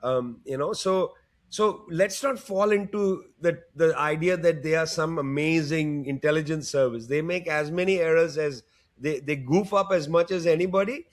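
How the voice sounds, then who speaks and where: Chatty higher-voiced male analyst. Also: normal speed. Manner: conversational, leans on "you know", restarts phrases. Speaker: guest analyst. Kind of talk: political discussion.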